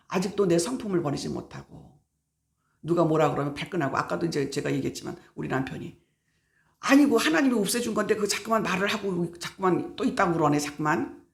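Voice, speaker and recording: Gravelly-voiced woman pastor preaching. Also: fairly low pitch, darkish tone. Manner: emphatic, repeats key words, acts out everyday dialogue. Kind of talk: sermon at a prayer meeting.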